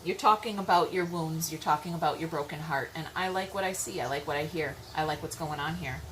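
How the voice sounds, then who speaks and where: A woman's voice: low voice, fairly quick, slight background noise, low-quality recording. A woman giving a casual, chatty tarot reading, bluntly speaking her mind and often checking in with her listeners. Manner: chatty, keeps checking in with "okay?" and "all right?". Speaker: tarot reader.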